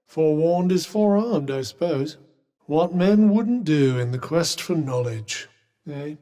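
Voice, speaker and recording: A man's voice: on the high side, lively intonation, unhurried, dark tone. A British man playing a sardonic, erudite sentient magical cuff in a video game, speaking formally with dry condescension. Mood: wry, observant. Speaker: video game companion character. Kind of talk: scripted video game dialogue. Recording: long echoing reverb.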